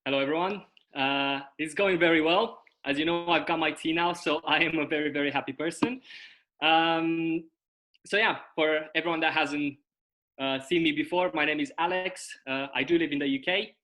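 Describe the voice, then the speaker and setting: Fairly high-pitched, bright and forceful, a young man from Romania speaks at a moderate pace with fairly even intonation. He is a guest on a casual video call, giving lengthy explanations and regularly checking in with "right?" and "okay?".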